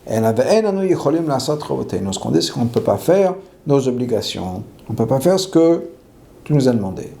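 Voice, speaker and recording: Male rabbi teaching a law class, gravelly and dark-toned, reads Hebrew then explains, repeats key phrases. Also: mid-range voice, big pitch swings, fairly quick. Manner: asks questions and answers them himself.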